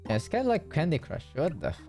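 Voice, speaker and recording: A woman's voice: low-pitched, huge pitch swings, fast talker, creaky, mellow, faint music behind. A woman streaming a game with casual, blunt, sweary reaction commentary.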